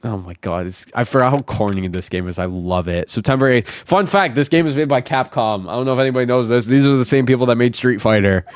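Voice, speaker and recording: A man's voice: mid-range voice, fast, hardly any pauses, smooth, dry recording. Young man, joking streamer commentary. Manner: joking, exasperated, slangy. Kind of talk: casual let's-play commentary.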